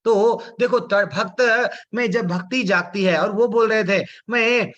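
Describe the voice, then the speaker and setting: A man teaching a devotional scripture class who asks rhetorical questions and then answers them, drops English words into his talk and slows down to chant verses. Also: sits high, fairly bright tone, lo-fi sound.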